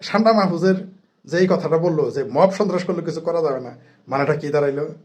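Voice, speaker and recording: A man rails against his opponents in a combative monologue. His voice sits a touch high, and his tone is mocking and sarcastic throughout. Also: animated, fast talker, a little mellow. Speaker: political commentator. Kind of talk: angry political monologue.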